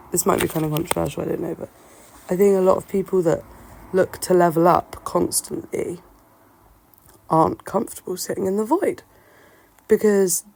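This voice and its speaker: A woman talking casually and reflectively to her listeners, musing in a halting way, her voice affected by a sore throat. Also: lowish voice, gravelly, warm tone, slight background noise, poor audio. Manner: halting, musing, self-questioning. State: sore-throated, unwell-sounding voice. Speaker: solo host of a personal talk show.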